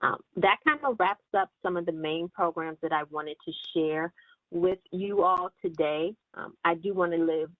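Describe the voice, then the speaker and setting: Woman agency director, measured presenter, dry and phone-filtered. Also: lowish voice, dry recording. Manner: steady, measured, with frequent ums. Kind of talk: virtual meeting presentation. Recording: tinny phone-line audio, dry.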